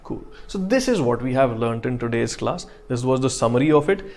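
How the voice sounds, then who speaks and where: A man with a North Indian accent lectures live as an online teacher, explaining step by step and repeating key phrases with Hindi check-in tags. His voice is medium-pitched, expressive, fairly quick and darkish in tone.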